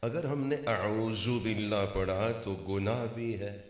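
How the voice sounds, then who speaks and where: A man preaching as a mufti, teaching letter sounds with drawn-out chanted syllables at a mosque gathering. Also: fairly low pitch, steady tone. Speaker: mufti giving a religious talk. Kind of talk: sermon on correct Quran pronunciation. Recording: echoey mosque hall.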